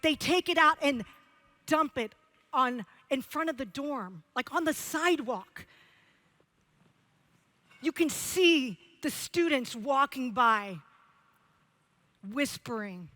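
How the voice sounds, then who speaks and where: Slow, bright-voiced woman telling a story. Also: sits high, animated, no echo. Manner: slow, deliberate storytelling with dramatic pauses. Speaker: keynote speaker. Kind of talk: stage storytelling speech.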